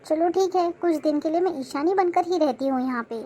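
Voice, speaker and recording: A woman voicing a bold, sharp-tongued young heroine in a cartoon, talking in a bossy, cutting way. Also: very high voice, brisk. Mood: scheming. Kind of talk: cartoon voice acting.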